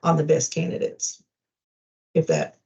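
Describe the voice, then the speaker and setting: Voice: medium pitch, flat delivery, unhurried, creaky, darkish tone. A speaker in a casual work meeting, reflective and agreeable, thinking aloud about the issue. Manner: agreeable, reflective, many backchannels. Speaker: colleague in a work discussion. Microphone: video call. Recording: dull lo-fi meeting call.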